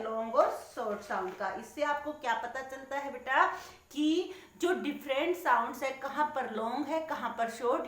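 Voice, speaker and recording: A woman's voice: on the high side, fairly bright tone. A woman teaching young children patiently, checking in again and again that they follow and calling them "beta". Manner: patient, repeats "theek hai?" and calls pupils "beta". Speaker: primary school teacher. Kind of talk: explaining a lesson to young children. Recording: very echoey room, voice far from the mic.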